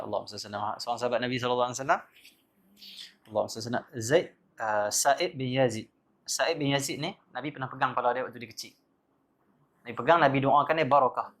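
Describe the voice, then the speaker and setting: A man giving a religious lecture, telling stories animatedly and breaking in with devotional exclamations. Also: mid-range voice. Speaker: religious teacher.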